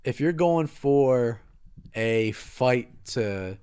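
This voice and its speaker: A man co-hosting a casual podcast, talking about fighters in a halting way, repeating words and trailing off. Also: mid-range voice, animated, a little mellow, smooth. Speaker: podcast co-host. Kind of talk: casual sports chat.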